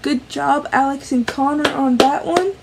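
A young woman vlogger gushing excitedly as she reacts to a music video in a small bedroom, with the song playing behind her voice. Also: sits high, a little slow, noisy background. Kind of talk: casual reaction commentary. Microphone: webcam at close range.

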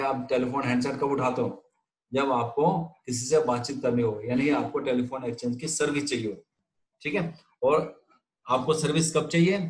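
A man's voice: medium pitch, low-quality recording. Man lecturing, quizzing his class. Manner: asks questions and answers them himself, repeating key terms; checks in with frequent "theek hai?". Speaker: telecom instructor.

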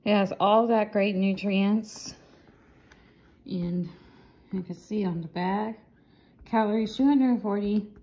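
A woman's voice: mid-range voice, muffled recording. A slightly out-of-breath woman giving a casual product show-and-tell, rambling and often stumbling and correcting herself. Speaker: product reviewer.

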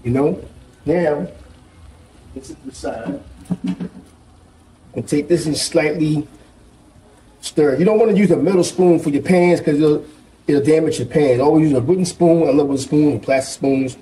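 A man's voice: on the high side, normal speed, long pauses, mellow, a little hiss or hum, low-quality recording. A man in his forties giving a casual cooking demonstration in a home kitchen, chatty and explaining each step, on a lapel mic. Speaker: guest cook.

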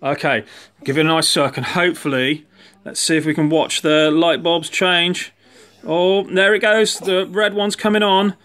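In a home living room, a man with a slightly high, sharp-toned voice casually shows children a science demonstration, explaining things in a playful, encouraging way. He's recorded on a handheld phone held behind the camera.

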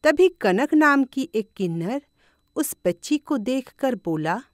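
A woman narrating a cartoon story in a slow, measured way. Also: high voice, big pitch swings, no echo, studio quality. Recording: music bed under narration.

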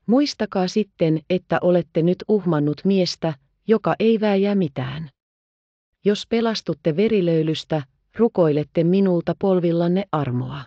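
A woman reading the part of a scheming male traitor who makes hushed, mocking threats. The audio is slightly dull. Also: lowish voice, dry recording, lightly acted. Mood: sneering.

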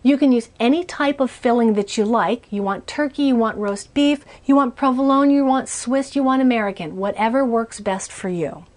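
A woman's voice: a little high, normal speed, hardly any pauses. A woman in her forties hosting a cooking show from a small RV kitchen, chatty and upbeat as she walks through each step. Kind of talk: cooking demonstration.

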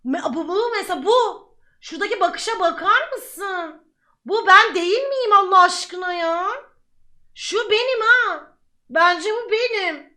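A young adult woman streamer giving chatty, excitable reaction commentary with lots of exclamations. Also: very high voice, a little slow.

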